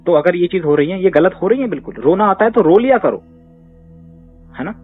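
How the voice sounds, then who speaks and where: A man in the role of therapist handles a conversational advice Q&A, emphatic and fond of rhetorical questions. He talks a little fast in a high, expressive voice, and the tinny phone-line recording carries faint music.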